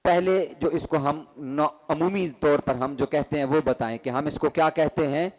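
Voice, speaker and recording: A man's voice: on the high side, fairly even intonation, darkish tone. A man teaching a Quran recitation class, asking questions and having students repeat terms in rhythm. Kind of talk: classroom call-and-response lesson.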